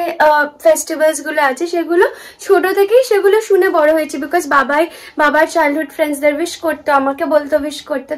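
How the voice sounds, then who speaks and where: A young woman from Kolkata chats in a casual vlog, fast and talkative and mixing in English words. Her voice sits high. She speaks from a shared kitchen. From Kolkata, India. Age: young adult. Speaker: vlogger, student in the UK.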